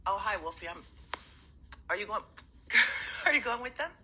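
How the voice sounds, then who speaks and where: A woman's voice: mid-range voice, animated, moderate pace, noisy background. A woman who has just woken up, talking to her followers on a handheld phone in a rambling, hesitant way with many ums. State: just woke up, a little winded. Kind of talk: casual morning phone livestream.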